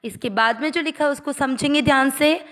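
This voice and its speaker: A woman teaching Sanskrit pronunciation, patiently spelling out each syllable and then chanting the verse slowly. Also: high-pitched, fairly bright tone. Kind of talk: slow syllable-by-syllable pronunciation lesson.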